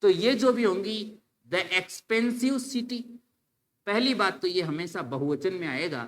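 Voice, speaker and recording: A male teacher giving an exam-prep grammar lecture, animated and mixing with English while acting out his students' questions. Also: high-pitched, moderate pace.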